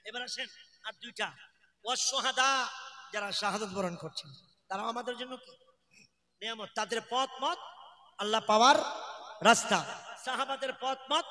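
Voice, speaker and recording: A Bangladeshi man with a Bangladeshi Bengali accent, preaching a shouted waz sermon and calling for responses from the crowd. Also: very high-pitched, normal speed, pauses often. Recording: echoey PA with long reverb.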